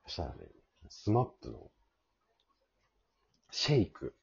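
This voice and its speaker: A man in his late thirties with a very deep, heavily husky voice. He chats casually and spins stories with a lot of rise and fall in his pitch. The recording is a bit lo-fi and dull. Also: a little slow. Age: late 30s. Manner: storytelling, lively reminiscing. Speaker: comedy duo podcast host. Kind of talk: casual chat.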